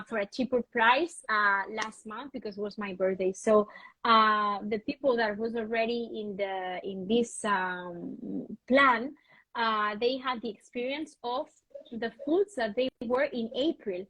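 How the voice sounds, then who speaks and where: A woman's voice: a little high, unhurried, fairly bright tone, dry recording, low-quality recording. Earnest woman guest, dry close sound. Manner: earnest, passionate explaining. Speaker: guest, wellness retreat host. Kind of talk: interview conversation.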